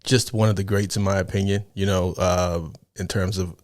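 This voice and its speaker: Low-voiced man reacting casually. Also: little pitch movement, normal speed, dry recording, clean studio sound. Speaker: reaction video host.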